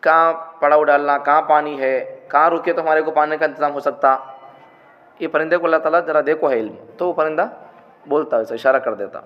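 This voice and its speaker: Guy preaching, fairly high voice, keeps asking "what does it mean", dull boomy hall recording. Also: a little fast. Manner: keeps asking rhetorical questions and repeating points. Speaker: religious teacher. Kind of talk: teaching talk on prayer. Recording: dull, echoey hall with faint noise.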